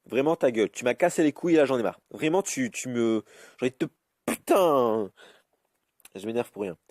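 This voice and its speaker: A man giving live commentary over his own game, cursing often and swinging between high yelps and low grumbling. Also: lively intonation, normal speed, a little mellow, no echo, studio quality. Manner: swears freely, swings from yelps to grumbling mutters. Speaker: YouTube gamer.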